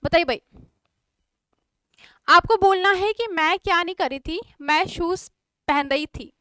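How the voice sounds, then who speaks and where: A woman's voice: extremely high pitch, a little slow, pushed and bright, no echo, studio quality. A woman with an Indian accent teaching a spoken English class online, explaining step by step and often checking whether everyone follows.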